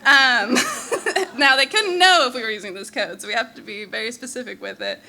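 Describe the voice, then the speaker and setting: Woman, eulogist, fond and humorous, higher bright voice. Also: moderate pace, vocal fry. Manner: fond and humorous, laughing between lines. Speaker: eulogist, younger sister. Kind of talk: prepared memorial speech.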